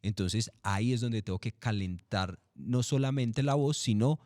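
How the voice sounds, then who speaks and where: Low-voiced man. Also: moderate pace, dry recording, studio quality. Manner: relaxed, repetitive, asks and answers own questions. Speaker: commercial voice-over artist. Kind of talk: interview, casual explanation.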